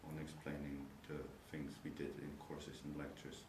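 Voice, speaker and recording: Deep-voiced young Czech man in an echoey room. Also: completely flat delivery, moderate pace. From Czech Republic. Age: young adult. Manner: thoughtful, searching for words, nonnative phrasing. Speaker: university student. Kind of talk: interview answers about his studies. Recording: echoey room, noisy background, mic far off.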